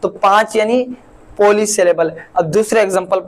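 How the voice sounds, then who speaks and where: A man from Pakistan teaching a language lesson, patiently repeating each word slowly syllable by syllable. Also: sits high, poor audio. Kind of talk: classroom-style language lesson.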